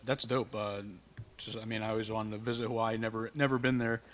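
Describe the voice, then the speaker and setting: A man's voice: fairly low pitch, flat delivery, brisk, a bit bright. A man hosting a podcast interview in a casual, slangy way, with short reactions and loose questions. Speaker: podcast host.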